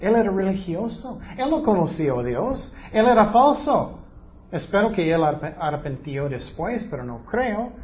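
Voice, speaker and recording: A man's voice: sits high, very animated, unhurried, lo-fi sound. A man preaching a sermon, teaching earnestly and asking his listeners rhetorical questions.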